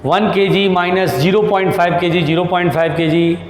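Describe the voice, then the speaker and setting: A man teaching physics to students, patient and reassuring, who repeats key terms slowly and affectionately calls them "beta". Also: sits high, steady tone, roomy sound, big-room sound, a little hiss or hum. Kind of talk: classroom lecture.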